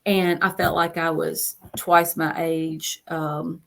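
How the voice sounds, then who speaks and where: Here a woman in her fifties, a coach, speaks with a deep, slightly bright voice, level and slow, with vocal fry. In casual interview storytelling, she chats about her time as an interview guest and repeats phrases to stress them.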